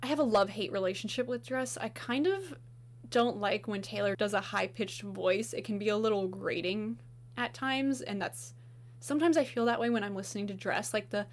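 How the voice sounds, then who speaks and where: A woman gushes through a casual song-ranking chat, her voice a little hoarse. She talks at a middling pitch and fills her sentences with casual filler words. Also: normal speed. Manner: gushing, enthusiastic, filler-heavy. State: slightly hoarse, losing her voice. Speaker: video host.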